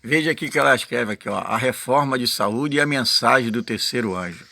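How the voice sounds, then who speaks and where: Male lay preacher, Brazilian Portuguese accent; earnest, explanatory delivery, forceful tone with a gravelly creak. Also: medium pitch, a little fast, no echo. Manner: earnest, explanatory, often adding short check-in tags to listeners. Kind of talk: informal sermon with passages read aloud.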